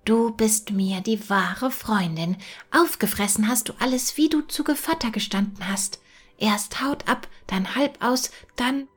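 A woman voicing a small, naive and timid female mouse in a fairy-tale reading, in a high, wondering and often half-whispered voice. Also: lively intonation, slow pace, slightly rough, exaggerated voice. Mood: accusing. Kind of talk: storybook reading.

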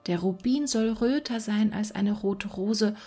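A woman voicing a kind-hearted little male swallow in a whispered role-play, soft and pleading. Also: medium pitch, unhurried, husky, soft background music. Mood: tender.

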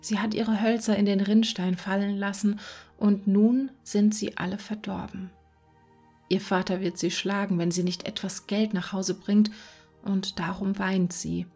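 A woman's voice: mid-range voice, level tone, a little slow, warm tone, slightly rough, soft background music. Woman whispering as a sorrowful prince statue. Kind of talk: whispered role-play.

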